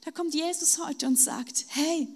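A woman's voice: high-pitched, a little slow, a little mellow. A woman preaching a sermon, speaking straight to her listeners and voicing Jesus's invitations to them. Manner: addresses listeners directly, voices Jesus's invitations.

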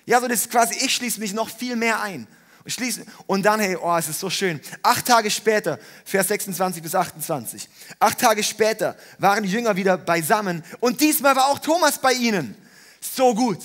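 Animated German-speaking male preacher. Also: high-pitched, moderate pace. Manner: animated, swings from loud to quiet. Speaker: pastor. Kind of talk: sermon.

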